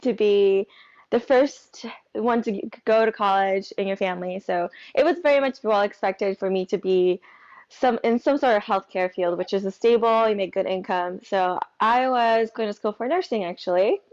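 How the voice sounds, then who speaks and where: A woman's voice: mid-range voice, normal speed, a little mellow, lo-fi sound. A woman guest on a podcast, talking in a cheerful, chatty way with frequent fillers. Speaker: guest photographer. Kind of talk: casual interview.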